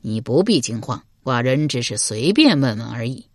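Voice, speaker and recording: A woman narrator voicing a suspicious, jealous middle-aged male lord in a historical novel reading, cold, sneering and deliberate. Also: rumbling low, very animated, dry recording, studio quality, pitched below the performer's own voice, exaggerated voice.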